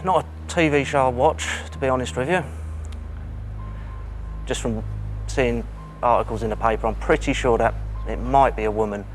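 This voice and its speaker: A man in his thirties competes as a quiz contestant, thinking aloud in a hesitant, deliberating way. His pitch is ordinary and mid-range, and quiz show music plays clearly beneath his voice. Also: moderate pace. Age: 30s.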